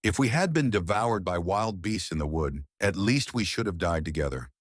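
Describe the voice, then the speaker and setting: A man's voice: low voice, animated, normal speed, no echo, clean studio sound. A man voicing innocent young children in a storybook tale, speaking plainly and earnestly. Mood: pleading. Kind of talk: storybook character voice.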